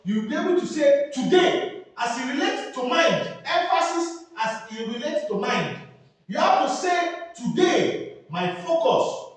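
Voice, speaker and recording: A man with a Nigerian English accent lectures a classroom at a slow, deliberate pace, his high voice rising and falling as he hammers home each key word and checks that the students follow. The sound is very echoey, picked up from a mic some distance away in the room. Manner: emphatic, repeats key words, quizzes the class. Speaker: design teacher.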